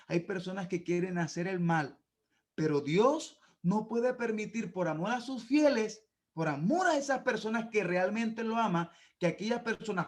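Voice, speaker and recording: A man who is a pastor, preaching a sermon with emphatic, rising passages and repeated words. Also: sits high.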